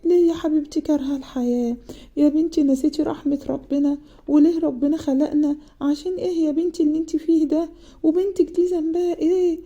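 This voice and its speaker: A woman voicing a grieving middle-aged mother who pleads with her daughter, in an Egyptian accent, breathy and reproachful. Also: high-pitched, fairly even intonation, fast talker, warm tone, highs cut off, pitched above the performer's own voice. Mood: pleading. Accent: Egyptian Arabic.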